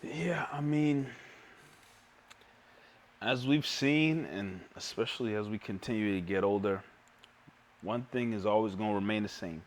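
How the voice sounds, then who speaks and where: A man's voice: on the low side, measured pace, long pauses. A man co-hosting a casual podcast, easygoing and reflective, who stresses his points by repeating them. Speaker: podcast co-host.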